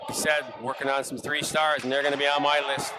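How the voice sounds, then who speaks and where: A middle-aged man calling live hockey play-by-play, with excitable calls that jump high on big saves. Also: quick pace. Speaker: play-by-play announcer. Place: ice arena broadcast booth. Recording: noisy arena stream.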